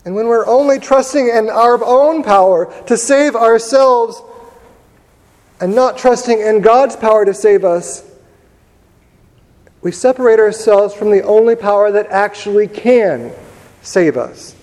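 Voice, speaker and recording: A man preaching a sermon in a church, telling the story in a conversational way with pauses and repeated words. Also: sits high, darkish tone. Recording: long reverb of a large church hall.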